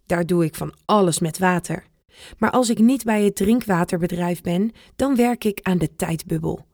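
A woman's voice: on the low side, normal speed, a little mellow, no echo. Woman voicing old grandpa inventor, playful, secretive, grumbles a bit, storybook read-aloud, dry close sound. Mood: lively. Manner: cheerful, conspiratorial, sometimes grumbling.

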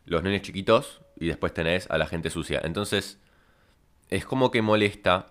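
A man with a Rioplatense Spanish accent telling a rambling comic story in a deadpan way. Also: low voice, clear, resonant tone. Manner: deadpan, rambling, absurd tangents. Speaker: podcast host.

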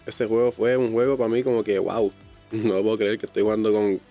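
A man with a Puerto Rican Spanish accent, a basketball player chatting casually in an interview, rambling and relaxed. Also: lowish voice, fairly quick, soft background music. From Puerto Rico. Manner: relaxed, rambling, fillers like "me entiendes".

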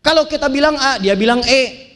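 Man from Banten, very high voice, preacher, lively storyteller, chants verses. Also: a little fast. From Banten, Indonesia. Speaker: Islamic preacher. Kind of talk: sermon to a live audience.

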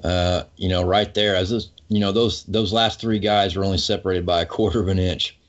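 A man's voice: deep voice, fairly even intonation, brisk. A man co-hosting a casual fishing show chat, easygoing and enthusiastic, saying "you know" often. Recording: muffled lo-fi audio.

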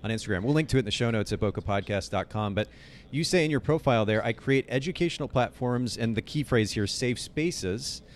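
A man hosting a podcast interview in a conversational style, with low rumbling noise behind his voice. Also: animated, brisk.

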